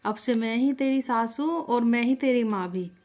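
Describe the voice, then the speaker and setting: A woman's voice: on the high side, unhurried, darkish tone, natural voice. A woman voicing a kind, motherly aunt who soothes and reassures a crying girl in a storybook tale. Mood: soothing. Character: kindly motherly aunt, comforting and firm.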